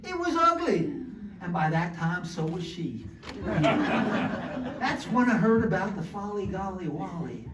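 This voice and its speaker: A man's voice: sits high, very animated, slow pace, exaggerated voice. A folksy old prospector acted by a man drawls plainly through a comic Western sketch. He is a dreamer of the Old West, heard from a distance in a roomy space. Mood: folksy, wistful. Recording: roomy, distant mic, faint noise.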